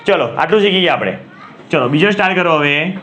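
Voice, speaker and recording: A man's voice: on the high side, lively intonation, quick pace, fairly bright tone, a little hiss or hum. Gujarati man lecturing a classroom. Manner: asks the class questions and repeats key words. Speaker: English grammar teacher.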